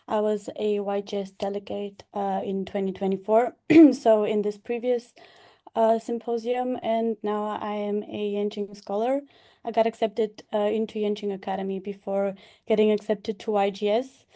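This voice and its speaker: A young Bulgarian woman, a past delegate and graduate scholar, speaks on a video call during an online information session. Her medium-pitched voice is dark and level, moving at a moderate pace as she describes her experience hesitantly, with many fillers.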